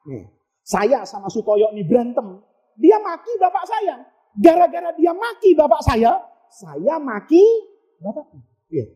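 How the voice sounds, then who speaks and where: A man's voice: high-pitched, mellow, husky, highs cut off. A middle-aged man giving a humorous sermon, telling jokey stories and acting out the voices he quotes. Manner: jokey storytelling, acts out quoted voices, laughs. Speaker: preacher.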